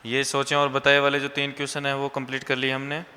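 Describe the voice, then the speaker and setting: A man's voice: mid-range voice, monotone, sharp tone. Hindi-speaking male teacher dictating answers. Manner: explains slowly, repeats answers for dictation. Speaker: school teacher. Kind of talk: online class lesson. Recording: echoey room with faint background hum.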